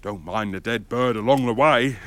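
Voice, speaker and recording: A man voicing a blind male mole with a pompous, gleeful, drawn-out way of talking. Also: medium pitch, no room sound, natural voice. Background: music.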